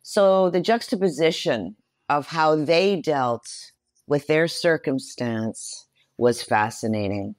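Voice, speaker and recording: A middle-aged woman with a deep voice speaks slowly as an interview guest, telling personal stories expressively and repeating phrases for emphasis. The studio-quality recording has no room sound.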